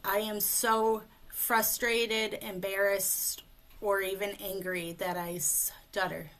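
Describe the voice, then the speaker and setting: Over a video call, a woman speech coach guides a client through a tapping session. Her medium-pitched voice is slow and calm, offering short phrases for the client to repeat after her.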